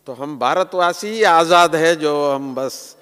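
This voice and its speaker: A man giving a sermon to a large gathering as a spiritual teacher, slow and earnest, letting his voice fall softly at the ends of phrases. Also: on the high side, smooth. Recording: long hall reverb.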